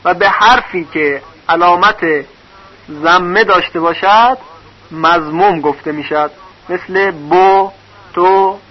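A man teaching a recorded lesson on reading vowel marks, patiently spelling out syllables one by one. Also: high voice. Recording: dull lo-fi recording.

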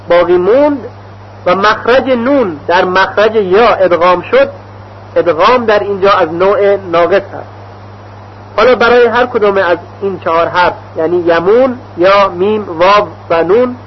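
A man teaching Quran recitation rules, explaining slowly and carefully and sounding out example syllables in a deliberate, drawn-out way. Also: high voice. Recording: dull lo-fi recording with faint hum.

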